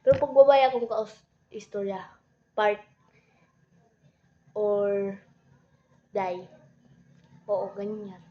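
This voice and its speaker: A woman's voice: mid-range voice, slow pace, long pauses, muffled recording. A woman chatting casually to camera, rambling and giggling, mixing in English phrases. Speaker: vlogger.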